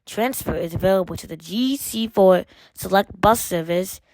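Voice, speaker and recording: Scripted train announcements are read by a woman in an automated-announcer style, with measured, formulaic phrasing in segments. Her voice is medium-pitched with a darkish tone, and there's no room sound.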